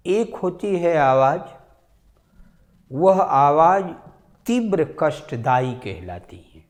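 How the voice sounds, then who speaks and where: Slow, deliberate male science teacher. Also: on the high side, huge pitch swings, a little mellow. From India. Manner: slow, repetitive, stresses key numbers. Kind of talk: classroom science lecture.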